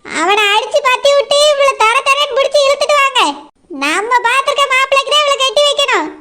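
A woman with a Kanyakumari Tamil accent voicing a sharp-tongued young daughter-in-law who fires off quick, accusing retorts. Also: extremely high pitch.

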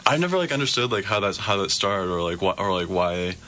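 Low-voiced Minnesotan student radio host. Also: male voice, quick pace, a little hiss or hum. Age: young adult. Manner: relaxed, many fillers like "like". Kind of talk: casual campus radio interview. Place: campus radio studio.

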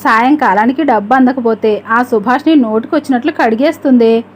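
A woman's voice: on the high side, brisk, close to an everyday voice. A woman voicing a scheming middle-aged village mother who coaxes and insists. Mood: coaxing.

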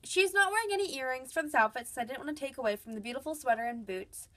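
Here a doll-collecting vlogger who has a cold narrates a scripted, chatty and upbeat voice-over about her dolls' outfits. The young woman's voice sits high and sounds bright and forceful; she talks fast and expressively.

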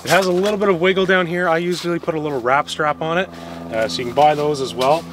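A young man with a voice on the high side gives a relaxed how-to of his own gear product in the snow near a vehicle, stopping and restarting as he works with his hands. The camera mic a few steps back makes the audio sound distant, with outdoor noise around him.

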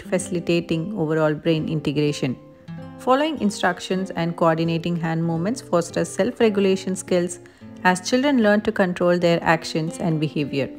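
A woman reading a scripted voice-over that explains activities step by step. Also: fairly low pitch. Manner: even, explanatory reading of benefits. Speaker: narrator of a parenting activity video. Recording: voice-over with faint guitar music.

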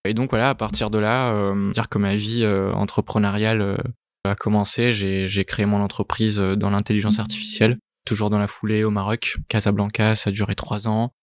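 Man in his thirties, halting. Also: lowish voice, level tone, no echo, clean studio sound. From Italy. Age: 30s. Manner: hesitant, many fillers and repeated words. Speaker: guest, startup co-founder. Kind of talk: casual interview answers.

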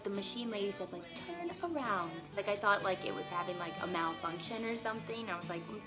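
A woman's voice: medium pitch, fairly even intonation, fast. A young woman chatting casually in a vlog while doing her makeup, rambling and filling her speech with "like". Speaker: vlogger and stage actress. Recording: music playing under the voice.

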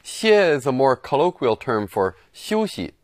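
Man, lesson host, lively pitch, dry studio sound. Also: measured pace, no room sound. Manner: clear explaining, shifts between English and Chinese. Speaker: language teacher host. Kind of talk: scripted lesson narration.

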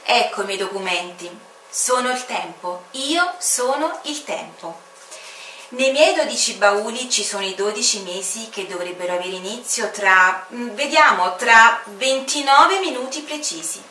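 A woman's voice: mid-range voice, normal speed, sharp tone, echoey room, far from the mic, slight background noise, lightly acted. A woman voicing a mysterious, playful male aviator who turns out to be Time, in a self-assured, amused tone.

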